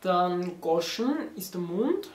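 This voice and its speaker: Young male explainer, unhurried and halting, recorded at a distance in an echoey room. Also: high-pitched, big pitch swings, darkish tone. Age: teenager to young adult. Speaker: presenter explaining dialect words. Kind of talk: informal explainer to camera. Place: small home room indoors, on a sofa. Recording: roomy, distant from the microphone.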